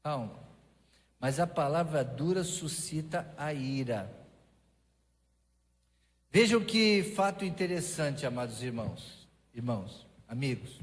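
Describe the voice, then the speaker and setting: A Brazilian pastor with a high, light voice preaches in an easy, conversational way, breaking off and restarting as he goes. His words carry a long reverb from the church hall. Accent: Brazilian Portuguese. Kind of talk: sermon. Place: church sanctuary.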